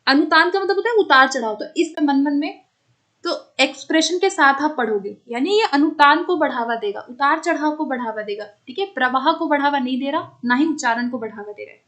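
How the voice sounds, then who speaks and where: High-voiced woman teaching an exam class. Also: brisk, fairly bright tone. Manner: explains step by step, checks on students with repeated questions; mixes English terms into her talk. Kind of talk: online exam-prep class.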